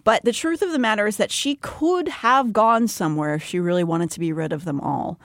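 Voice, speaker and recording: A woman co-hosting a book podcast, recapping chapters in a relaxed, wry way. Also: mid-range voice, brisk, dry recording, clean studio sound. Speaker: podcast co-host.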